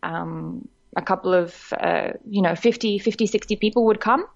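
An Australian woman, a guest who directs a women's network, tells her story in a podcast interview, warm and chatty, laughing often and using plenty of fillers. Her mid-range voice moves at a normal speed with some vocal fry, and the highs are cut off.

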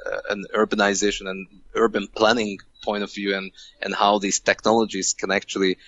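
A man from Hungary, a guest on a podcast interview, speaking in a measured way with many fillers and restarts. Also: on the low side, flat delivery, fairly bright tone, dull audio. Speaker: guest, venture co-founder.

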